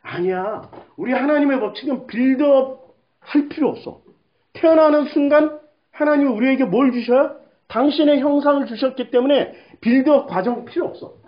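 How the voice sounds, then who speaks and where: A woman's voice: high voice, normal speed. A woman pastor preaching a sermon in a blunt, colloquial way, asking the congregation rhetorical questions. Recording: dull lo-fi recording.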